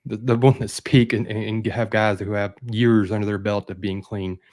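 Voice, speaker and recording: A man's voice: on the low side, flat delivery, normal speed, darkish tone, dry recording, clean studio sound. A man speaking as a guest on a casual interview, emphatic and full of stumbling restarts and repeated words. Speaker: guest, mental health coach.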